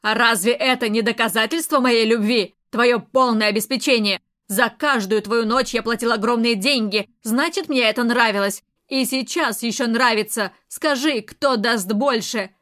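A woman reading an audiobook, voicing a domineering, murderous militia colonel who speaks loudly and slowly in threats. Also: fairly high pitch, lightly acted. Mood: cold, domineering. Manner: loud, slow, threatening and mocking.

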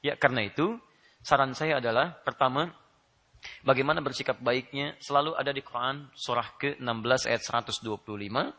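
Bright-voiced animated male preacher. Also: medium pitch, a little fast. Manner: animated, joking with the audience, rising to loud laughing emphasis; addresses listeners directly. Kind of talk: Islamic sermon.

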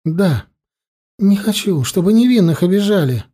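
A man's voice: high voice, lively intonation, moderate pace, dark tone, slightly rough, pitched above the performer's own voice. A man voicing a frightened teenage boy who stammers and falters as he answers. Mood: defiant.

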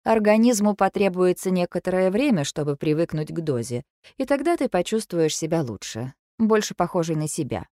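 A woman voicing a calm, patient female psychiatrist who speaks in measured phrases. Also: fairly low pitch, no echo, clean studio sound.

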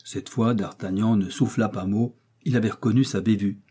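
A man with a husky voice reading a classic novel aloud in a measured, even way. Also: lowish voice. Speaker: audiobook reader. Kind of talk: literary narration.

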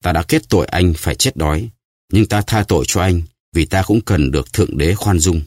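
Brief: man doing a grave, commanding nobleman, very deep and dry. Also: fairly quick, a little mellow, no room sound. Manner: solemn, grave. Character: stern vengeful nobleman, solemn and commanding.

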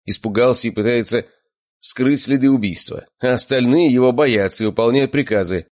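A man's voice: mid-range voice, normal speed, no room sound, studio quality, pitched above the performer's own voice, lightly acted. A man voicing a nervous young man, the bully's sidekick, who speaks anxiously in an audiobook. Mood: agitated.

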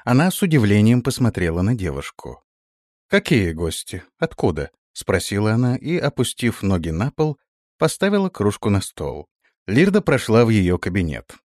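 Expressive male audiobook narrator. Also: lowish voice, normal speed, no room sound, studio quality. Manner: expressive, voices every character. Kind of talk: audiobook reading.

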